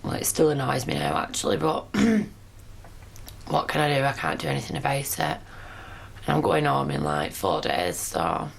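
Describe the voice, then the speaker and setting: Low, gravelly woman, weary and blunt. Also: big pitch swings, a little slow. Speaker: reality show contestant. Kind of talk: confessional to camera.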